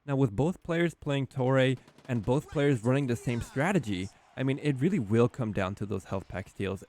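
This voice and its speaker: A man casting a live esports match as play-by-play commentator, getting louder and higher at the big plays. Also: normal speed. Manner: excitable, rising in pitch and volume at key plays. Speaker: esports caster.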